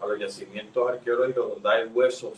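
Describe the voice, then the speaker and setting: A man's voice: on the low side, fairly even intonation, a little fast. A man with a Puerto Rican accent, hosting an interview, talking in an emphatic, colloquial and joking way. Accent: Puerto Rican Spanish. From Puerto Rico. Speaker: host. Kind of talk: conversational interview. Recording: roomy, distant mic with faint noise.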